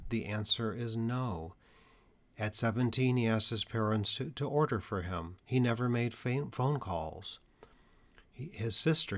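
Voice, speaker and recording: Speaking to an audience of parents and teachers, a man who treats stuttering delivers a calm, educational talk punctuated by emphatic, deliberate pauses, in a voice on the low side.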